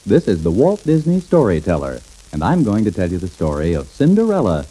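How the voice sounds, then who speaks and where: A woman narrating a children's storybook in an expressive, theatrical storytelling manner. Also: very deep voice, a little fast, poor audio.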